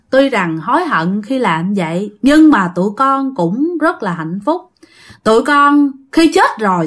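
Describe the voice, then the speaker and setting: A woman voicing the ghost of a young man who speaks through a possessed woman, tearful and pleading. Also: high voice.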